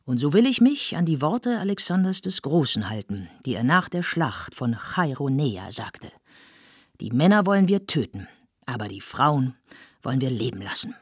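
A woman reading a novel aloud, voicing an older gentleman who gives a flowery, gallant toast at a dinner. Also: a bass voice, big pitch swings, moderate pace, slightly rough, no echo, clean studio sound, full character voice. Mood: jovial.

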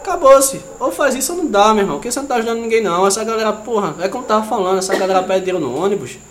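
Male comic co-host, high pitch, slangy storyteller, roomy mic. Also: very fast. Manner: slangy, animated storyteller, gets loud and laughing at the climax. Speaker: podcast co-host. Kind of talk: comedic storytelling chat. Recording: echoey room with faint noise.

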